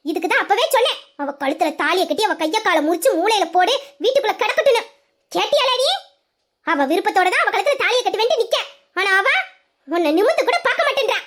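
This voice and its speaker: A performer voicing a nagging, shrill middle-aged village mother, in an audio drama. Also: a bit bright, exaggerated voice.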